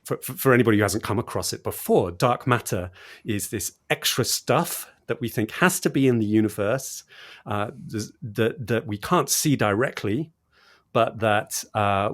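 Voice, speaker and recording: Speaking at a normal speed in a lowish voice, this cosmologist talks through his research as an interview guest on a podcast. His manner is enthusiastic, and he leans on repetition to drive points home.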